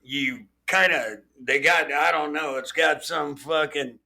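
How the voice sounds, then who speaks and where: A man hosting a casual podcast, swearing freely and laughing and shouting often. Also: fairly high pitch, takes it slowly, crowd noise. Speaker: podcast host. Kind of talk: casual chat.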